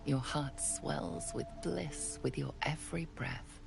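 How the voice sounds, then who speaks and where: A woman giving measured, atmospheric scripted narration for a game. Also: low voice, vocal fry, full character voice. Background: game music.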